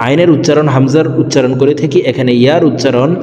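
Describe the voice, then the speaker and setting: A man teaching Quran recitation word by word, slowly chanting each verse in a drawn-out melody between brisk explanations. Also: mid-range voice, mellow. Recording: echoey room with long reverb and faint music.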